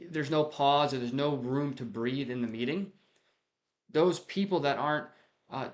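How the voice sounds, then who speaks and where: A man at a middle pitch talks through leadership advice in a loose, unscripted way. He is direct and conversational, restarts his sentences often, and slips into short acted-out lines as examples. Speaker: leadership coach. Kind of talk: unscripted talk to camera on leadership.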